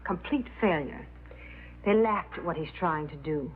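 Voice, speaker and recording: An actress playing a con artist who poses as a loyal, prim assistant, earnest and formal in a vintage crime drama. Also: female voice, low-pitched, lively intonation, measured pace. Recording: tinny old TV soundtrack, faint hum.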